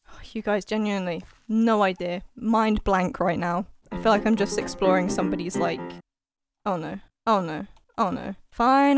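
High-pitched excitable woman gaming. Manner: excitable, repeats phrases in panicky bursts, laughs often. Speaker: gaming YouTuber. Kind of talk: live gameplay commentary.

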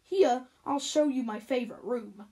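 A woman reading the lines of a quiet, guarded boy in a story. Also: fairly high pitch, unhurried.

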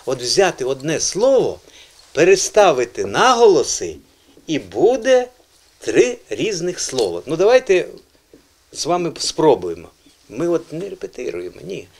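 Animated teacherly man presenter. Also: fairly high pitch. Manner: animated, teacherly, quizzing and repeating words. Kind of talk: lively language segment with children.

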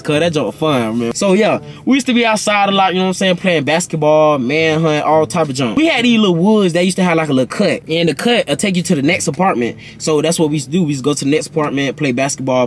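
A young man telling a casual storytime in an animated, rambling, slangy way. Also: fairly high pitch, fast, hardly any pauses, slight background noise. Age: young adult. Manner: animated, rambling storytelling with slangy talk and repeated tag questions. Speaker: vlog host. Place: inside a parked car.

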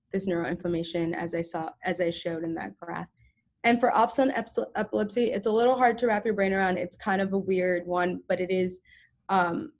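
Young woman presenting research, casual. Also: fairly low pitch. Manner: casual, self-correcting, many ums. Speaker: student presenter. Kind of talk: informal science presentation.

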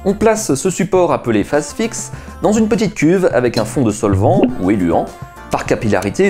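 A man's voice: mid-range voice, a little mellow. A man in his thirties hosting a science video, explaining and carrying out a chemistry experiment at a desk with an enthusiastic, chatty teaching tone. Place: small indoor room, seated at a table.

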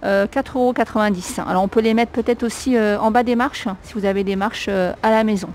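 A shopping vlogger, an adult woman with a young child, films herself on a handheld camera walking through a discount store, chatting casually and hesitantly in French with a non-native accent and listing prices amid many fillers. Her voice is on the high side, steady, quick and a little mellow. The low-quality recording has a little hiss or hum.

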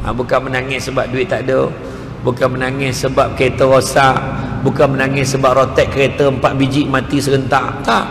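A man's voice: medium pitch, level tone, brisk. A male preacher with a Malaysian Malay accent giving a dramatic, storytelling religious lecture. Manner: dramatic storytelling, rising to near-shouts. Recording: echoey hall with faint noise.

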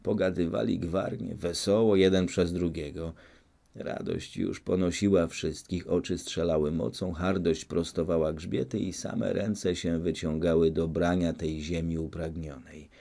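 A man narrating a classic novel as an audiobook, in a steady, measured reading. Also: sits low, gravelly.

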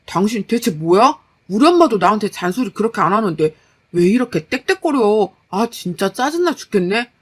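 A woman's voice: mid-range voice, sing-song, moderate pace, slightly rough. A woman voicing a lazy, defensive young husband who grumbles and brushes off complaints in a story. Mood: grumbling, defensive. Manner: whiny, dismissive.

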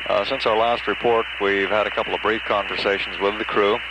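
American man, low monotone, halting official spaceflight commentary, heavy 1960s radio noise. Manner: halting, measured official delivery. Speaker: mission control public affairs announcer. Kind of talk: spaceflight status report commentary.

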